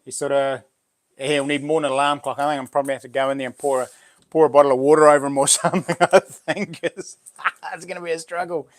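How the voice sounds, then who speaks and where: Casting: male livestream host, broad Kiwi accent, fairly high voice, laid-back slangy chat. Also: level tone, fast. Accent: broad New Zealand. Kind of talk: casual livestream chat with viewers.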